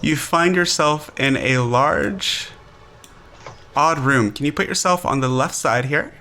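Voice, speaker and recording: A man narrating a tabletop game as game master, with halting, deliberate phrasing. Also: fairly high pitch, bright, forceful tone. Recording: faint background noise.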